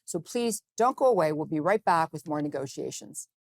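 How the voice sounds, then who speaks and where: A woman's voice: low voice, animated, fairly quick, heavy background noise. A woman hosting a talk show, interviewing her guest in an affirming, conversational way.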